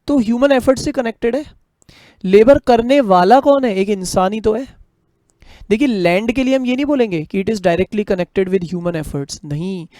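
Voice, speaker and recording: A man teaching a commerce lecture, explaining in Hindi mixed with English, reading the text aloud slowly and asking rhetorical questions. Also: sits high, dark tone, dry recording, studio quality. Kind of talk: classroom lecture.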